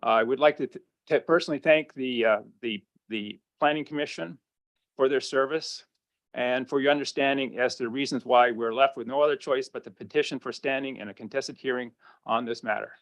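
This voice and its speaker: A man's voice: medium pitch, a little fast. A man giving formal, concerned testimony at a public hearing, often stumbling over his words.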